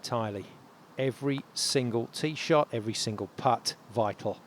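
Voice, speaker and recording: Male golf commentator over steady background noise. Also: medium pitch. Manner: measured build-up with dramatic short phrases. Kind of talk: golf tournament television commentary, dramatic narration of play.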